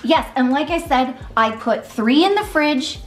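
Woman, 30s, high bright pitch, casual cooking vlogger, home kitchen, camera close. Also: expressive, unhurried. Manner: chatty, upbeat, talks while cooking. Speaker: vlogger sharing meal prep. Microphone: handheld camera held close.

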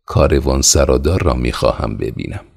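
A man's voice: a bass voice, creaky, darkish tone. A man voicing an anxious young woman who speaks in a pleading, worried way. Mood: calling. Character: frightened young woman, anxious, searching for her father.

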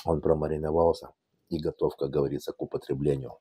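A man's voice: a bass voice, little pitch movement, fast talker, a little mellow, breathy edge, no room sound. A man with an Odesa Russian accent tinged with Yiddish, casually demonstrating cooking in a folksy, repetitive way with affectionate diminutives. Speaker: cooking channel host.

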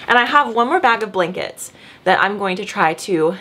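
A woman's voice: medium pitch, lively intonation, normal speed, sharp tone. A young adult woman chatting casually as she vlogs about organizing her home, rambling with lots of filler words. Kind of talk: casual chat. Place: at home, indoors.

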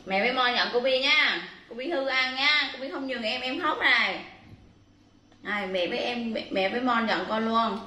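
A woman scolds her pet in a bright, forceful voice pitched a little high. She chides like a mother, repeating herself in simple baby talk. The room has a noticeable echo. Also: normal speed. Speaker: pet monkey owner.

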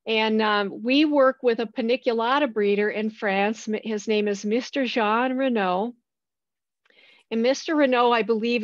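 Woman, nursery speaker, garden club slide talk, fairly high voice, dull dry recording. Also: dry recording. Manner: friendly, enthusiastic plant descriptions with fillers.

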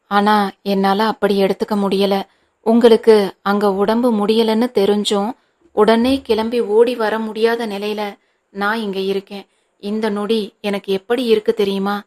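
Earnest, pleading son, voiced by a woman narrator, flat reading, audiobook. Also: mid-range voice, close to an everyday voice. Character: anxious, earnest grown son pleading with his mother.

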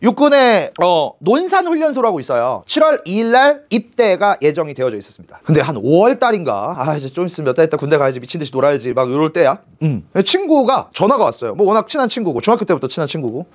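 A man in his forties, an English teacher telling a personal story to his class in an animated, slangy, chatty way. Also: sits high, fast talker, hardly any pauses. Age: 40s. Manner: animated, slangy and chatty, with frequent fillers and rhetorical questions. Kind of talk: storytelling in a lecture.

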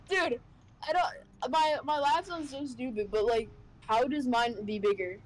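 A woman's voice: sits high, measured pace, poor audio. A woman co-hosting a gaming video in casual chat, bossy and teasing with playful drama.

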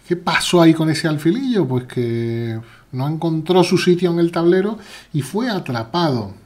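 During a live chess stream, a man with a Spain Spanish accent keeps up chatty, playful commentary and reads chat aloud mid-game. His voice is a little high and darkish, animated, at normal speed.

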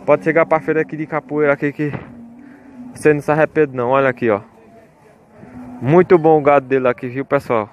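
Amid the crowd chatter of an outdoor market, a vlogger films cattle pens on his phone and talks casually to viewers, repeating his call-outs to them again and again. He speaks a little fast in a voice on the high side with fairly even intonation, pausing often, and the recording has its highs cut off plus slight background noise.

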